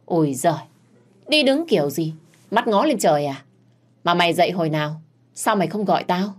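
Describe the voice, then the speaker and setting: A woman's voice: low voice, moderate pace. A woman voicing a bossy middle-aged head servant who barks curt orders. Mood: scolding.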